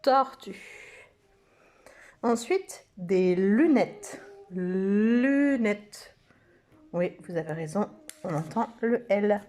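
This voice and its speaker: A woman teaching preschool children, speaking slowly and stretching out each word and letter sound. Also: mid-range voice, a little mellow. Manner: slow, sing-song, stretches out words and letter sounds. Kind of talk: slow lesson for young children.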